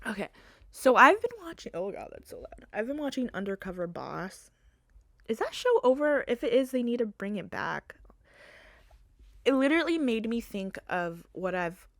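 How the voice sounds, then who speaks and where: A woman's voice: medium pitch, dry recording, studio quality. A young woman hosting a casual solo podcast, talking animatedly, swearing freely and laughing as she goes. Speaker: podcast host.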